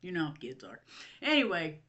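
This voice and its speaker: A woman's voice: low-pitched, big pitch swings, a little fast, fairly bright tone, muffled recording. Chatty older woman. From Ohio. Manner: rambling, chatty, laughs often, self-mocking. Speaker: vlog host. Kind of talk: casual chat to camera. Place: at home.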